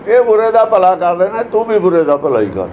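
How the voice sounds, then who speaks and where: High-voiced man preaching earnestly. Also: big pitch swings, a little fast, a little mellow, highs cut off, slight background noise. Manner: earnest, lecturing, fond of rhetorical questions. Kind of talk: religious discourse expounding verses.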